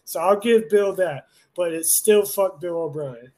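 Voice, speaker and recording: Young man, high voice, heated profane ranting, casual sports podcast co-host. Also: unhurried, dark tone.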